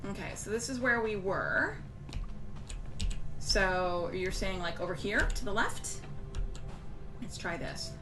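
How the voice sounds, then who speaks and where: A woman's voice: medium pitch, takes it slowly, pauses often. A woman giving casual commentary on a game stream, chatting and thinking aloud as she plays. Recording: music behind the voice. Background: game music.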